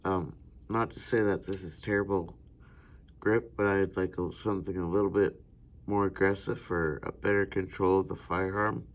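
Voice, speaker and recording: An American man, a gunsmithing student, giving an unhurried instructional demonstration with frequent hesitations. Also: sits low, steady tone.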